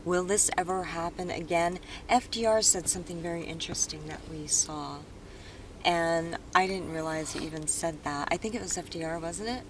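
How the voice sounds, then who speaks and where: A woman vlogs from an indoor room, speaking without a script in a somewhat low voice. She is earnest and rambling, often breaking off mid-thought and starting again. Loud street noise drifts in through an open window behind her. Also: steady tone, normal speed. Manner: earnest, rambling, with many restarts. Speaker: dance vlogger. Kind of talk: unscripted vlog monologue.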